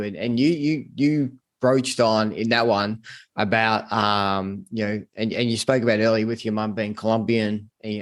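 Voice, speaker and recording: A man hosting a podcast interview, talking casually with many restarts and asides. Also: lowish voice. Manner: rambling, many restarts and "you know". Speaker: podcast host.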